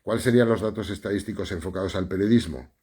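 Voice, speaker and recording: Low, husky Spanish man. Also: fast, a little mellow. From Spain. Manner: conversational, explanatory, many fillers and tag questions. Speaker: journalism teacher answering live questions. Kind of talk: casual live stream Q&A.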